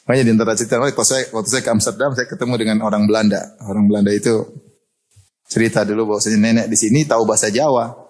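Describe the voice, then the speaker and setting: A man giving a lively sermon, telling stories in an animated way and laughing often. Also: lowish voice, racing. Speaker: preacher.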